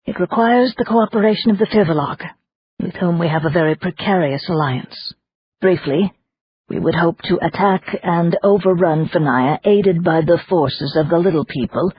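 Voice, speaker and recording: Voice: medium pitch, slightly rough. A narrator voicing a scheming elderly woman leader who speaks formally and precisely, in an audiobook. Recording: dull lo-fi audiobook recording.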